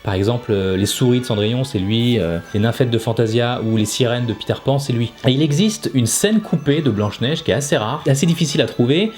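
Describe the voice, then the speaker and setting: A man's voice: medium pitch, fairly quick, hardly any pauses, darkish tone, soft background music. A man hosting an animation lesson, explaining things in a casual, informal way and often adding little tag words. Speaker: animation teacher and video host.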